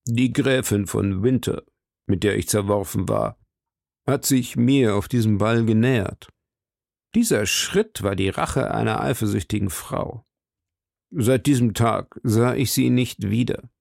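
A man's voice: on the low side, unhurried, vocal fry, a little mellow, no room sound, clean studio sound. A man reading an audiobook, voicing a proud, agitated English duke who gives orders imperiously. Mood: commanding. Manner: commanding, imperious.

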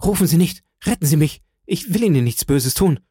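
A man's voice: on the high side, normal speed, vocal fry, warm tone, slightly rough, no room sound, studio quality, voice pushed up. A man voicing a desperate young fugitive in an audiobook, begging urgently for help. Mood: pleading. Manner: urgent, pleading.

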